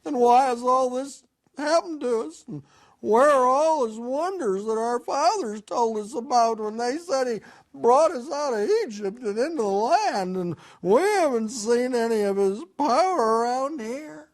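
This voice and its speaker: A man's voice: sits high, wildly swooping pitch, unhurried, few pauses, pitched above the performer's own voice, heavily acted. A man voicing a timid, doubting young Israelite who whines and panics. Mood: doubtful. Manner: whiny, panicky, hesitant.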